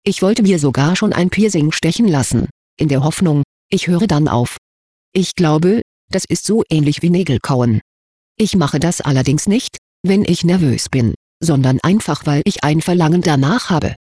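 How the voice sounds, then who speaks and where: A man with a husky voice reading an anonymous confession aloud in an even, matter-of-fact way. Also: a little high, moderate pace, no room sound, clean studio sound.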